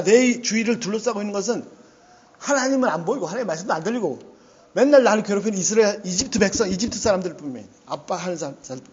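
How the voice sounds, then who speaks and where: High-voiced, animated male preacher. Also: dull audio. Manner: animated and conversational, often saying "yes" and laughing. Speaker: pastor. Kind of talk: sermon.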